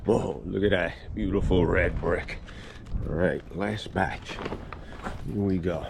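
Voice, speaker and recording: A low-voiced man with vocal fry talks slowly over a noisy background. Folksy and chatty, he works with gardening equipment hands-on while giving viewers a casual product review.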